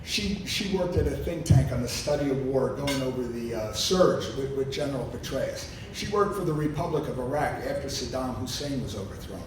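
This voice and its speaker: A man's voice: lively intonation, normal speed, few pauses. A middle-aged or older man giving an informal wedding toast as father of the bride, telling jokey family stories. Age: 50s or older. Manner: jokey storytelling with acted-out quotes. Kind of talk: wedding toast, informal anecdotal speech to guests. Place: large room at a wedding reception. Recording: echoey noisy hall, distant mic, low rumble.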